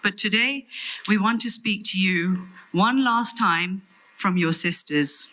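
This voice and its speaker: Bright-voiced British woman giving a tender eulogy. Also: mid-range voice, poor audio. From London, England. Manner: tender, solemn, measured delivery. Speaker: sister giving a farewell eulogy. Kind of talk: prepared eulogy speech.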